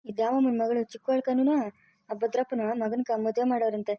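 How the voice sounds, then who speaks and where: A woman's voice: fairly high pitch, little pitch movement, a little fast, dark tone, no echo. Gossiping village woman. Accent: Chikkaballapur rural Kannada.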